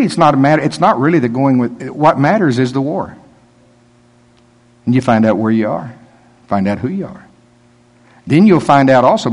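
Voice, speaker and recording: A man's voice: medium pitch, a little mellow, husky. A male pastor giving a conversational sermon, joking and laughing as he talks.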